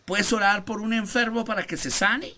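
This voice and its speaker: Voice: medium pitch, fairly even intonation, normal speed, sharp tone. An apostle teaching a Bible class over a video call, preaching with fervor, asking the students rhetorical questions and calling on them by name. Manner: emphatic, calls on listeners by name, rhetorical questions. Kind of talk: fervent preaching lesson to students.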